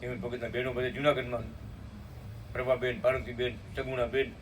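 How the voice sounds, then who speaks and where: A man giving a devotional storytelling sermon, slipping into slow chanted hymn lines and asking his listeners questions. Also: medium pitch, level tone. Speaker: spiritual speaker at a satsang. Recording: distant mic with faint room noise.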